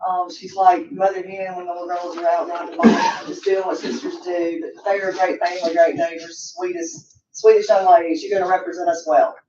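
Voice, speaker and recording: A woman's voice: on the low side, brisk, hardly any pauses. A woman giving informal congratulatory remarks as a board member. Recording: echoey, distant, muffled, noisy.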